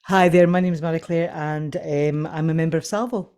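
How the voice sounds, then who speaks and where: A woman with a mellow, dark-toned voice speaks as a panel guest. She is earnest and personal, pausing as she goes. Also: low-pitched, steady tone, clear, resonant tone. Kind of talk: personal interview talk.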